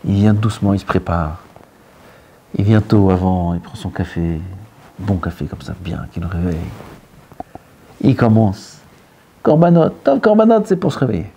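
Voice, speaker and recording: Animated rabbi, dark voice. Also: male voice, low voice, moderate pace, vocal fry, pauses often, slight background noise. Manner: animated, dropping to near-whispers and rising again; mixes Hebrew terms into French. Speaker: rabbi giving a Torah talk. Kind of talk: sermon.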